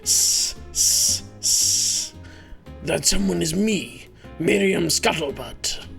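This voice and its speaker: A sneaky, snake-like schoolgirl schemer from a video game, acted out by a woman, speaks in a hissing snake voice. She sits low and unhurried, secretive and faintly menacing, over faint music. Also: expressive, vocal fry, fairly bright tone, exaggerated voice. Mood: furtive, sly. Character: sneaky, secretive snake-like young woman student hiding in a box. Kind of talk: video game character read aloud.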